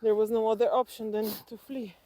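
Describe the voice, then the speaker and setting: Her Slovenian accent marks this woman from Slovenia as she reflects, haltingly and aloud, on personal stories in an interview. She has a slightly high, warm voice with a level tone.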